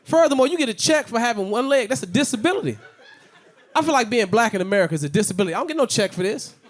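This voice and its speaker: A young man from Chicago doing an animated stand-up set, slipping into shouted character voices. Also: extremely high pitch, very fast. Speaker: stand-up comedian.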